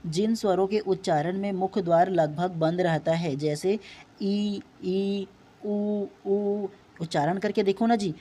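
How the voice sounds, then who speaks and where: Patient teacher, mellow voice. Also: male voice, high voice. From Chhattisgarh, India. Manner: patient, repetitive explaining, sounds out vowels slowly. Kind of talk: exam-prep lesson.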